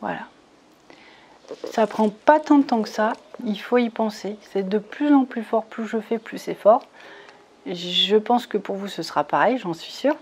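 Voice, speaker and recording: Speaking at a normal speed in a mid-range voice, with a little hiss or hum on the recording, a retreat leader gives a guided meditation talk. She soothes and coaxes her listeners, walks them through it step by step and regularly checks in with them.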